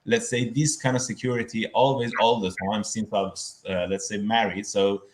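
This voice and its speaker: A man in his thirties hosting a live online interview, speaking haltingly with many fillers. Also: fairly low pitch, level tone, over a noisy crowd, rough recording. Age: 30s. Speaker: host.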